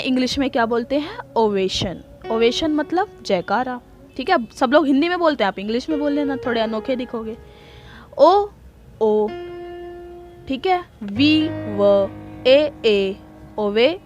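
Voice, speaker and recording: A woman with an Indian accent teaching English word meanings, spelling words out sound by sound in a patient, chatty way. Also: on the high side. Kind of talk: casual spoken lesson.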